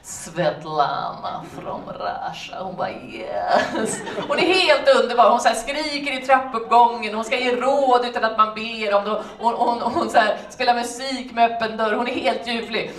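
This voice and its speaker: A woman's voice: a little high, steady tone, few pauses. A young adult woman doing a stand-up routine, talking in a wry, conversational way. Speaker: stand-up comedian. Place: comedy club stage. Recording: echoey room from far off with crowd. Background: audience laughter and noise.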